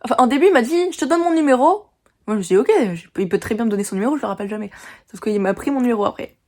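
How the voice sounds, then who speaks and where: A teenage girl from France telling a story in a chatty, animated vlog, venting about her day. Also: medium pitch, rapid-fire. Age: teens. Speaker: vlogger.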